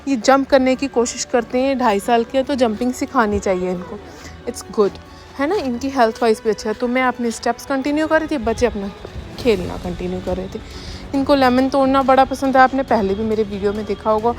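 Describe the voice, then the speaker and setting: A young woman narrates her family's day in a rapid, chatty voice-over, talking straight to her viewers. Her voice sits a little high. Soft music plays quietly under her words. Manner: fast, chatty, addresses viewers directly. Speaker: family vlogger. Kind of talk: casual voice-over narration of daily life. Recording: voice-over with faint background music.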